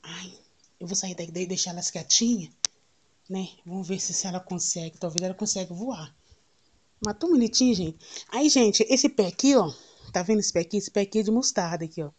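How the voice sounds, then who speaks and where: Soft-spoken Brazilian woman filming at home. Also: lowish voice, brisk, slight background noise. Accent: Brazilian Portuguese. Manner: tender, cooing, drops to soft near-whisper. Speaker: vlogger. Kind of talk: casual home vlog. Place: outdoors at home in strong sun. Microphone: phone camera held while filming.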